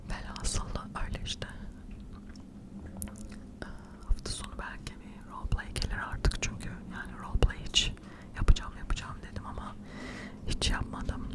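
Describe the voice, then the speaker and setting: A middle-aged woman whispering quietly in casual, rambling, self-deprecating ASMR chat, close to the microphone. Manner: quiet, hushed late-night whispering. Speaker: ASMR video creator. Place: furnished living room at home, indoors. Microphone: furry-covered microphone close to the mouth.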